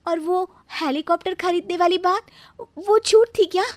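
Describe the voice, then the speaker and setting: An exasperated young bride, acted out by a woman narrator, with a very high voice in a dry recording. She is sharp-witted and questions indignantly, full of exclamations, as in a comic domestic story. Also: normal speed, no echo. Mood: shocked, indignant. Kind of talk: comic Hindi audio story dialogue.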